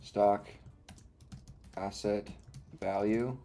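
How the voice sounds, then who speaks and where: A livestream host with the hiccups speaks in a fairly low, mellow male voice, keeping a steady tone and stretching his words. He mutters his coding steps aloud and explains in a rambling manner, frequently correcting himself. Faint music and typing sound in the background.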